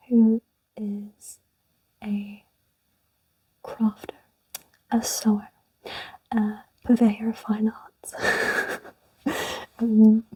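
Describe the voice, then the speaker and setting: Whispering chattily for an ASMR video, this young woman, an ASMR host whose first language is English, rambles near the mic and laughs softly now and then. Her slightly high voice is warm but a bit rough, captured in a dry, rough recording.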